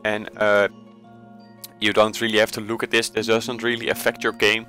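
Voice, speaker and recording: A Dutch-accented man from the Netherlands narrates a casual screen-recorded game tutorial in a low, flat, bright voice. His delivery is hesitant, full of "uh" fillers and mid-phrase self-corrections, with soft music in the background.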